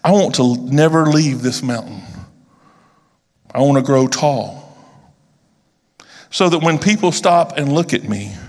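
A man's voice: mid-range voice, darkish tone, close to an everyday voice. A man voicing an earnest young mountain tree. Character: young female tree longing to point to heaven. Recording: long reverb of a large hall.

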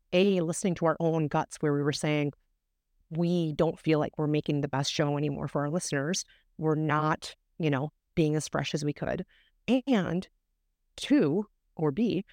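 A woman's voice: fairly low pitch, a little mellow, no echo, clean studio sound. A woman podcast guest explaining things in an emphatic, encouraging way, repeating words for emphasis. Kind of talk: explanatory interview talk.

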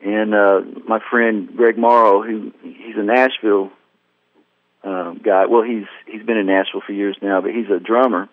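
A guest musician in a casual storytelling interview tells a long, rambling, self-deprecating story over a tinny phone line, acting out what people said. His voice sits on the low side with fairly even intonation at normal speed, and the sound is dry and close with no room sound.

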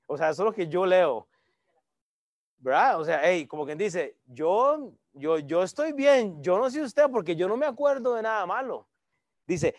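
A man's voice: high-pitched, no room sound, studio quality. A man preaching a conversational sermon to an online audience, reading verses aloud and joking with viewers. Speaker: pastor.

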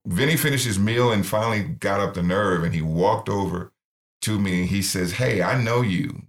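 A middle-aged man who founded a ministry earnestly recounts his life story in an interview, speaking in a low voice at normal speed. As he gives this personal testimony, he acts out the voices he quotes.

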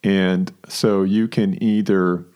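A man with a very deep voice co-hosts a relaxed conversation. His tone is mellow and dark. He chuckles often and slips into quoted lines as he explains. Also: slow pace, clean tone, muffled recording. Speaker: podcast co-host. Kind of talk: casual conversational talk.

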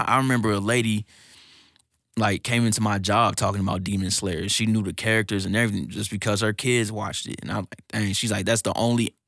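A man's voice: fairly low pitch, creaky, a bit bright, dry recording, studio quality. A man talking casually on a podcast, ranting in slangy street talk with laughing asides. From United States. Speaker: podcast co-host. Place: recording studio.

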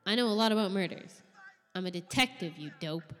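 A man doing a blunt scolding detective, raised pitch, reverberant sound, faint music. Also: expressive, brisk, a bit bright, lightly acted. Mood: scornful. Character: tough, scornful chief detective.

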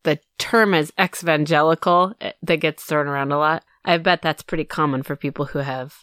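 A woman's voice: deep voice, steady tone, moderate pace, a bit bright, smooth, no room sound, studio quality. A woman co-hosting a podcast in casual, playful chat. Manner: playful, jokey. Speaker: podcast co-host.

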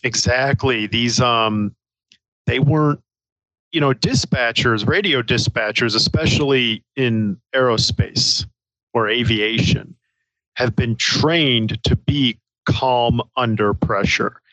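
A man co-hosting a casual film discussion, talking in a measured, explanatory way. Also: medium pitch, sharp tone, dry recording, rough recording.

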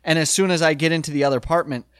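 A grown man telling a wild story in casual chat, animated and laughing, swearing freely. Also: on the high side, very fast, clean tone, dry recording, studio quality. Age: adult, older than college age.

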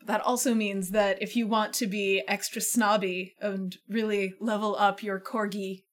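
A woman's voice: mid-range voice, little pitch movement, unhurried. Woman, radio host, chatty, patient explainer, laughs easily, home studio. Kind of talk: casual chat. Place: living room home studio.

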